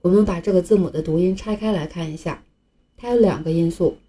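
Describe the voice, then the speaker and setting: Patient woman teaching in a dark voice. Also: on the low side. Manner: patient, clear explanations with drawn-out example sounds. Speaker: English teacher. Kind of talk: recorded lesson for beginners.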